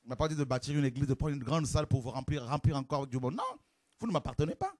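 A man preaching a fiery sermon to a congregation, with shouted exclamations and rhetorical questions. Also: mid-range voice, sing-song, quick pace, dry recording.

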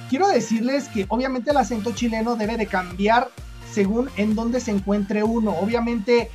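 A woman's voice: on the high side, darkish tone. A Mexican woman with a Mexican accent, hosting her video in a chatty, explanatory way and thinking aloud. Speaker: video host. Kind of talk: casual explanatory commentary.

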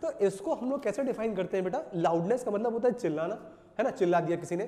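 A male physics teacher lectures a class, asking rhetorical questions and then answering them himself. His voice is mellow and dark. It rings with a long reverb, as if in a large hall. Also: sits high, expressive, quick pace. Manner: asks rhetorical questions and repeats answers, calls students "beta".

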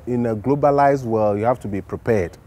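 A man's voice: mid-range voice, fairly quick, dark tone. A man speaking formally and with measure in a documentary interview about foreign residents using a facility.

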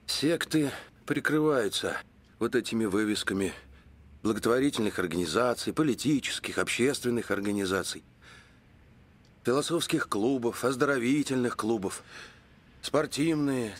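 An actor in his forties playing a grave, earnest police official giving a formal briefing in a film drama. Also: mid-range voice. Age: 40s. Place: indoor office.

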